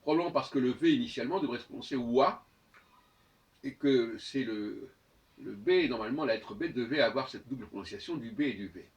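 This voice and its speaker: A man giving an unscripted spoken lecture, hesitant, often restarting phrases and slowly spelling letters out. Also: mid-range voice, expressive, far from the mic, lo-fi sound. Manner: hesitant, restarts phrases, frequent "euh" and "hein". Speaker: speaker of his own channel.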